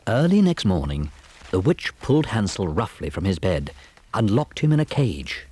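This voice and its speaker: A man narrating a children's fairy tale on a storybook cassette with an expressive, dramatic delivery. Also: fairly low pitch, normal speed, slightly rough.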